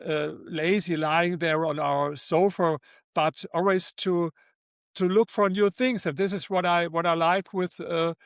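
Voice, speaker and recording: Older german guy with accent, kinda high voice, dry sound, keeps repeating words. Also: fairly even intonation, vocal fry, dry recording. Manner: halting, repeats words, non-native phrasing. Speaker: guest author. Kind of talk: interview conversation.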